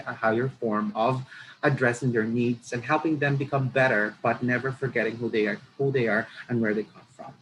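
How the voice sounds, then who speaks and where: A man's voice: mid-range voice, slight background noise, poor audio. A man from the Philippines with a Filipino accent gives a candid, self-critical webinar talk for teachers, slipping Tagalog into his English.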